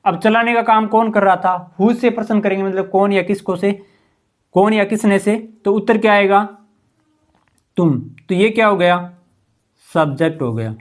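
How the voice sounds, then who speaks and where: In an explanatory grammar lesson delivered at a moderate, even pace, a male teacher patiently tests the class with rhetorical questions and repeats "ठीक है". His sentences trail off lower and quieter.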